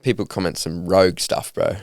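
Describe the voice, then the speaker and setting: A young Australian man telling stories in a relaxed, upbeat, slangy conversational way as a podcast guest. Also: deep voice, fairly quick, gravelly, no echo, clean studio sound. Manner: laid-back, upbeat slangy talk with frequent laughs. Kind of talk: casual conversational storytelling.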